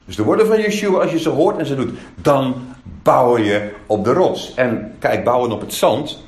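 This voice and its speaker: A man's voice: medium pitch, expressive, moderate pace, a little mellow. A man preaching a sermon as pastor, emphatic, with many rhetorical questions. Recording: echoey room, faint ambience.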